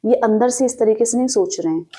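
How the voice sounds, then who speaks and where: A woman's voice: on the high side, fast talker, warm tone. A woman giving a tarot reading straight to the listener, explaining at length, asking rhetorical questions and adding frequent fillers. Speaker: tarot reader. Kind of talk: direct-to-camera tarot reading.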